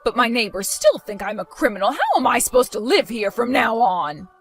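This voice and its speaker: A spiteful, scheming mother-in-law, voiced by a woman in a dramatized story, protesting her innocence in a high, swooping voice. Soft music plays beneath her. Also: sing-song, a little fast, slightly rough. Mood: indignant.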